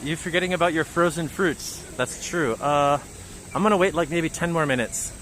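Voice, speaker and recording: Man, livestream host, chatty, slightly high voice, walking outdoors, clear traffic noise behind. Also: moderate pace, a bit bright. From Japan. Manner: chatty, reading out viewer comments. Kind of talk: casual livestream walking tour. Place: city streets outdoors. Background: traffic and street noise.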